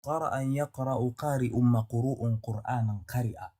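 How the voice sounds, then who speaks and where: A man's voice: medium pitch, racing, warm tone, no echo, studio quality. Insistent man from Tanzania debating. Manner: insistent, repeats himself, recites Arabic verses. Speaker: caller debating religion. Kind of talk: heated debate.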